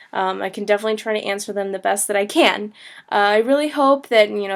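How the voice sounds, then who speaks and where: A young woman in her twenties teaches travel phrases in a relaxed, chatty way. Her voice sits a little high, and she laughs often and fills her sentences with ums and likes. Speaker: language teacher and travel blogger. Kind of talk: casual video lesson.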